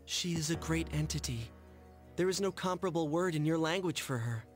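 A young man voicing a calm, mysterious young figure in a video game, speaking in a measured, grave way. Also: a little high, natural voice. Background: game music.

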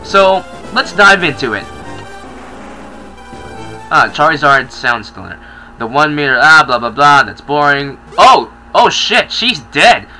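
A young man casually commenting as he plays a game, chatty and excitable. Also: on the high side, measured pace, faint music behind, poor audio. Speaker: gaming channel host. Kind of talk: casual let's-play commentary.

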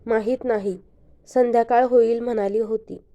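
A woman's voice: fairly high pitch, fairly even intonation, moderate pace, mellow, close to an everyday voice. A woman reading the part of a friendly, easygoing young woman in an audio story, casual and reassuring.

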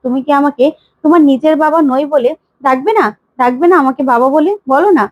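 A woman's voice: sits high, fast, no echo, close to an everyday voice, rough recording. A woman voicing an emotional older man who keeps pleading to be called father. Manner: pleading, repeats his plea.

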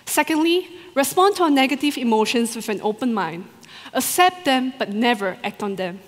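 A woman doctoral researcher giving a rehearsed competition talk to a live audience in a large hall, expressive and full of rhetorical questions. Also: fairly high pitch, moderate pace. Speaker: doctoral researcher presenting her thesis. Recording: long hall reverb.

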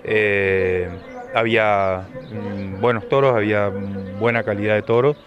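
A middle-aged man with an Argentine accent, giving a measured interview answer with hesitant repetitions. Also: fairly low pitch, fairly even intonation. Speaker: rancher interviewee. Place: outdoors on grass by parked vehicles. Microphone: handheld interview microphone. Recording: dull field sound, crowd behind.

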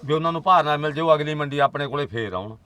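A man's voice: fairly high pitch, rapid-fire, pushed and bright. A man with a Malwa Punjabi accent negotiating casually as a middleman, reasoning and repeating short phrases. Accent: Punjabi, Malwa region. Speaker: middleman in a livestock deal. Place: outdoor livestock market.

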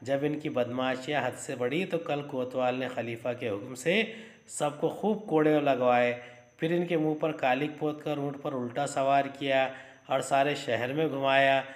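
A man's voice: mid-range voice, fairly even intonation, moderate pace, lightly acted. A man reading as a fretful old mother. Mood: anxious. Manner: anxious, tender scolding. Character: worried old mother pleading with her son. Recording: roomy echo.

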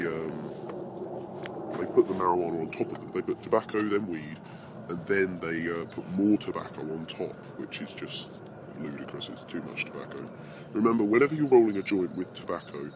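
A British man with a very deep, low-pitched voice talks in a loose, rambling way, swearing freely and chuckling. He is recorded outdoors in a forest with birdsong behind him. The audio is slightly dull and lo-fi, with faint background noise. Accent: British English. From Britain. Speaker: podcast host. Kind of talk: casual rambling monologue.

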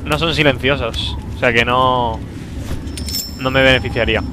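A man from commentating a video game he is playing, talking to himself, with a sore throat, excitable and prone to loud outbursts. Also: mid-range voice, normal speed, background noise. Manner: excitable, talks to himself, bursts into loud exclamations. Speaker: gameplay commentator. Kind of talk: let's play commentary.

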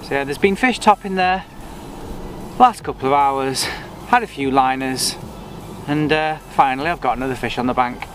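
With a mid-range voice at normal speed, a fishing vlogger on a lake bank chats casually and narrates every step to himself in a relaxed manner. The camera is set up on the bank before him, and the audio has faint outdoor noise.

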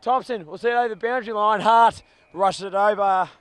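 A man calling a football match live, rattling off players in clipped bursts and shouting at big moments. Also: high-pitched, fairly quick, smooth, dry recording. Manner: clipped bursts of names and actions. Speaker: football commentator. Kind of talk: live play-by-play commentary. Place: commentary box at an outdoor ground.

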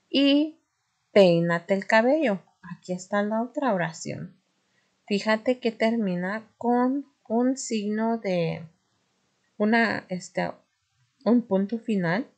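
A woman teaching a grammar lesson, patient and careful, often pausing with fillers and correcting herself. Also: medium pitch, darkish tone. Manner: patient, self-correcting, frequent "este" fillers.

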